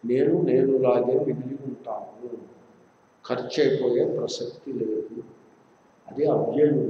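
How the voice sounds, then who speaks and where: A man giving a scripture discourse, asking and answering his own questions and chanting verses slowly. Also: medium pitch, a little hiss or hum. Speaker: spiritual teacher. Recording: distant, echoey hall, dull lo-fi.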